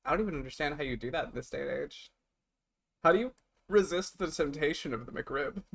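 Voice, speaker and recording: A talkative male streamer chats loosely with viewers and a co-host, cursing now and then between bites. His voice is bright and edged and sits a little high for a man. He swings from loud bursts to quiet asides. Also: animated, fast talker, vocal fry. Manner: chatty, swearing, talks while eating. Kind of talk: casual live-stream chat.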